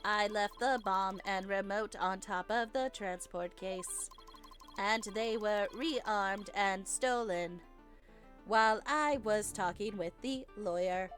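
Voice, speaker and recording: Speaking slowly in a mid-range, slightly bright voice, a woman reads out a video game's character dialogue with playful drama as she plays. Game music runs underneath.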